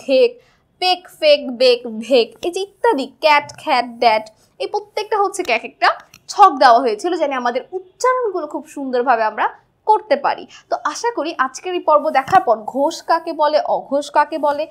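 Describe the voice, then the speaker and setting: High-voiced woman teaching patiently. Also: expressive, fast talker. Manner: patient, repeats points and drills sounds one by one. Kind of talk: classroom lesson explaining phonetics.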